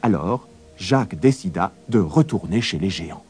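A man narrating a fairy tale as a storybook reading, with a very expressive, swooping delivery. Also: low-pitched, normal speed, music in the background.

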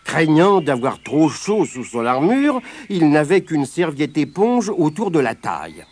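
A man reading a children's storybook aloud in a high, very lively voice. He takes his time, slow and deliberate, and soft music plays underneath. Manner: expressive, animated reading.

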